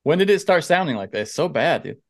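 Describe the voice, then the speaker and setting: Teasing, laughing podcast co-host. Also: male voice, on the high side, very animated, fast talker, a little hiss or hum. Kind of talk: casual podcast chat. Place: remote cabin.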